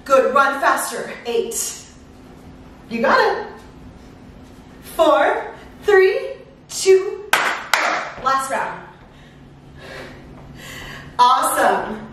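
A middle-aged woman coaching a workout as an energetic, encouraging aerobics instructor, exerting herself as she calls out cues and countdowns. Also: high voice, extremely slow, long pauses. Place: living room at home, indoors. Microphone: far camera. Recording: echoey room, far microphone, faint noise.

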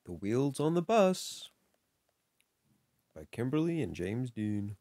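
Slow sing-song storybook reader. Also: medium pitch, sing-song, mellow, no room sound. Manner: sing-song, drawn-out line endings. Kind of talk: slow sing-along read-aloud.

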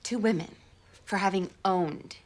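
A stern middle-aged suburban mother, acted by a woman in a family comedy film. She scolds with formal, reproachful indignation at a middling pitch. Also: measured pace, close to an everyday voice.

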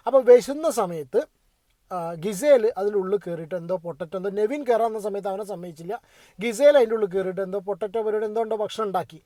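A man with a high-pitched, slightly mellow voice gives casual, opinionated commentary on a reality show, with no room sound. He's chatty, speaks directly to his viewers, and asks what they think.

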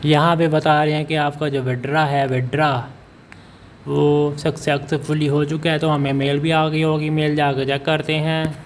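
A man's voice: a little high, little pitch movement, unhurried, slight background noise. Man narrating a phone screen walkthrough. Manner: explains step by step, many fillers and self-corrections. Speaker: channel host. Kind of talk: screen-recorded app walkthrough. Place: voice-over over phone screen recording.

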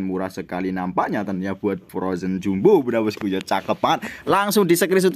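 A man sells plants in a casual pitch. He keeps up a repetitive patter, circling back over names and prices as he presents his stock. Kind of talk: casual live-style sales pitch.

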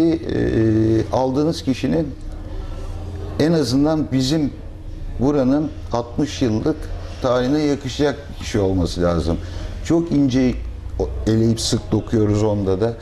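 This middle-aged man owns a restaurant and is interviewed in its dining room on a lapel mic, answering in a measured, thoughtful manner with pauses and fillers. His voice has a medium pitch and dark tone, with slight background noise.

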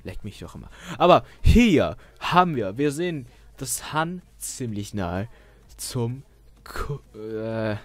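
A man's voice: medium pitch, big pitch swings, slow pace, no room sound. Rambling young man with a headset. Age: young adult. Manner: rambling, hesitant, laughs at own jokes. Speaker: YouTuber. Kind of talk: casual screen-share commentary. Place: small bedroom at a desk. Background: faint background music.

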